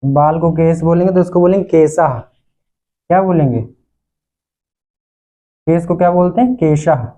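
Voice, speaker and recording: A man's voice: fairly high pitch, brisk, mellow. A male Sanskrit teacher, teaching in a classroom lecture style. He repeats words and asks questions, then answers them himself. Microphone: recorded lesson video.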